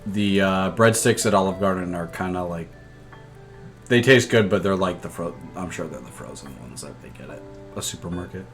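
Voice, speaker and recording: A young man co-hosting a casual podcast, talking in a relaxed, hesitant way with many ums. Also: low-pitched, normal speed, soft background music. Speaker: podcast co-host. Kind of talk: casual chat.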